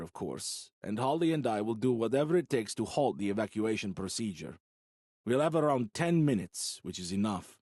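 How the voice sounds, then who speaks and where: A deadpan, low-key man , played by a male narrator, speaks in a dry, understated way. His voice sits at the narrator's usual middle pitch or a bit lower, recorded close with no room echo. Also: close to an everyday voice.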